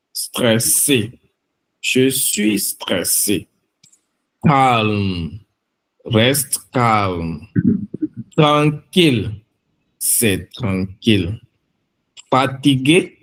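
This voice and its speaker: A man's voice: mid-range voice, fairly bright tone. A man from France reading vocabulary aloud for learners, carefully enunciating each word and then an example phrase. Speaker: language teacher.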